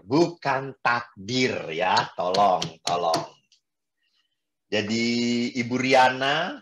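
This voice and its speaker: Animated male priest preaching. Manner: animated, with sharp swings in pitch and loudness; repeats words for emphasis. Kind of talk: sermon.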